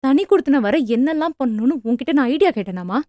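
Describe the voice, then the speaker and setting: A woman's voice: sits high, expressive, fast, dry recording. A woman voicing an angry young married daughter who sharply reproaches her mother. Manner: sharp, accusing, emphatic.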